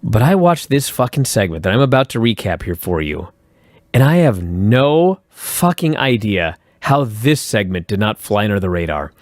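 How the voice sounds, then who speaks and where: A man hosting a podcast, recapping old wrestling shows in a profane, animated way and acting out quotes. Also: on the low side, normal speed, no room sound, clean studio sound. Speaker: podcast host.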